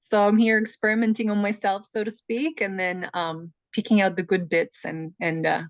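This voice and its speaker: A woman born in Russia and raised in Montreal, talking as a neuroscientist guest in a casual podcast interview, animated and quick to laugh. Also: mid-range voice, dry recording. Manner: animated, laughs often, chatty with fillers.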